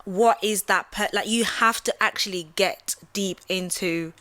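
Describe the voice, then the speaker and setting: Young woman, bright voice, chatty debate host, filler-heavy and animated. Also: mid-range voice, measured pace. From Central West Africa. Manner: animated, many fillers, often asks "do you get what I mean". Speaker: channel host. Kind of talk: casual debate conversation.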